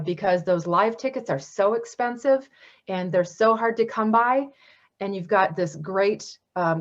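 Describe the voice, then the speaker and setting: A woman's voice: mid-range voice, fairly bright tone, dull audio. A woman giving a webinar presentation on marketing, talking in an enthusiastic, conversational teaching manner. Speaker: marketing speaker.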